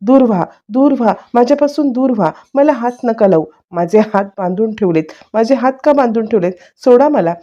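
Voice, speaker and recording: A woman narrator voicing a distraught middle-aged woman shouting frantically in panic. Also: a little high, animated, brisk, hardly any pauses, muffled recording, voice pushed up, natural voice. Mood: frantic.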